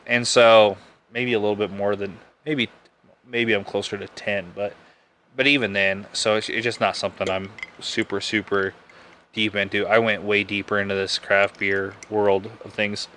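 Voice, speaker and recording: A man's voice: lowish voice, little pitch movement, moderate pace, bright, forceful tone, a little hiss or hum. A young man hosting a podcast, chatting casually and rambling a little as he reviews a drink, often correcting himself. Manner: rambling, laid-back, self-correcting. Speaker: podcast host reviewing bourbon. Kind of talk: casual live-stream chat.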